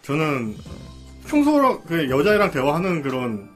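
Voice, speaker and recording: A man's voice: on the high side, wildly swooping pitch, normal speed, fairly bright tone. A man guest in a casual chat, telling his story politely and a bit shyly. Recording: music playing behind.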